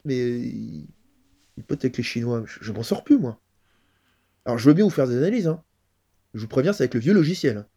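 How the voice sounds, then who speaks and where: A man playing a weary older male geopolitics pundit who rambles loudly and quickly in exasperation. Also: mid-range voice. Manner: loud, rapid exasperated rambling.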